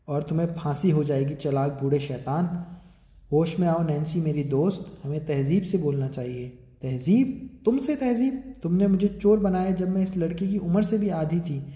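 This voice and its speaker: Man narrating a storybook in an echoey room. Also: warm tone. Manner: raises pitch and volume for characters' lines. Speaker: audiobook narrator. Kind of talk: storybook narration with acted dialogue. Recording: echoey room with long reverb.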